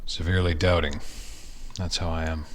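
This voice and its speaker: A man reading aloud plays a weary, cynical psychologist husband. His low voice is brooding, sardonic and emphatic. Faint noise sits behind this horror story reading. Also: little pitch movement, moderate pace. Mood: weary, curt.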